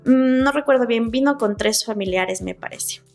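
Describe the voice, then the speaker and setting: A young adult woman talks through her work as a dentist in an earnest, step-by-step way, full of asides. Her voice sits fairly high and has a gravelly fry to it, while faint music plays underneath. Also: normal speed, a little mellow. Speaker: dentist guest. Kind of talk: casual interview chat.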